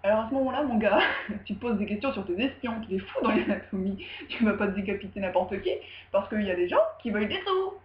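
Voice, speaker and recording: A woman's voice: medium pitch, animated, fast talker, slight background noise, lightly acted. Woman as fretful tyrant king, casual chatty delivery, roomy dull recording. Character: worried male ancient tyrant.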